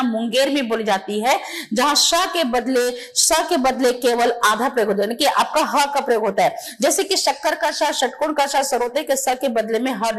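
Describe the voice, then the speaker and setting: A woman teaching an exam-prep lecture, explaining step by step and checking in with her listeners. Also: high voice. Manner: explanatory, keeps asking "है ना?", acts out dialect phrases.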